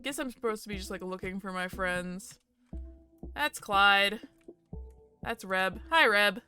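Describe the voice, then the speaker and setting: A woman's voice: mid-range voice, measured pace. A woman streamer giving casual gameplay commentary, chatty and self-deprecating with the odd swear. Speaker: let's play streamer. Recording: loud game music behind.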